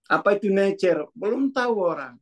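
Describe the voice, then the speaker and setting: A man with a high, expressive voice at normal speed, a Muna speaker, reflects casually on consciousness and self-development. His monologue is loose and musing, studded with asides and self-corrections.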